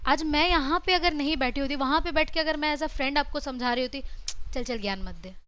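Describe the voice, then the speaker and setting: An Indian woman teaching a class in a lively, chatty classroom lecture, switching freely between Hindi and English. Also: sits high, fairly quick.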